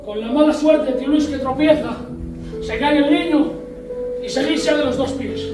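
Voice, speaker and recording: A high-pitched man with a Spain Spanish accent preaches a sermon, telling a story and voicing its characters. He sounds set back from the microphone in a very echoey church, with music playing behind him. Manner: storytelling, acts out scenes with voices. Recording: echoey church hall, mic at a distance.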